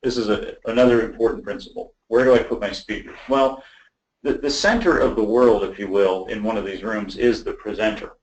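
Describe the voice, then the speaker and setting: A man with a lower-register voice presents a webinar on audio system design, explaining the technical details informally and haltingly. The recording has a roomy, echoing sound.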